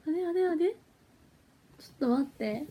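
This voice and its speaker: A woman's voice: high voice, expressive, unhurried, dark tone, slight background noise. A young woman, an idol, chatting casually with viewers on a phone livestream, giggly and easily flustered. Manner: chatty and giggly, flustered when her stream freezes.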